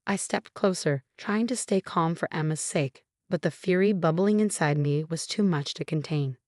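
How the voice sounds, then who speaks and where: A woman narrating a first-person story in a steady, even storytelling manner. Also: low voice, normal speed, dry recording, clean studio sound.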